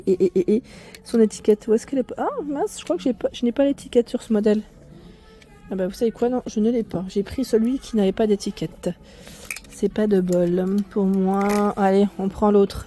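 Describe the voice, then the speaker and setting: In a casual clothing-store walkthrough, a female fashion vlogger talks a little fast, her mid-range voice fairly even in intonation. She often backtracks to correct herself and speaks up over the loud shop music, heard faintly behind her.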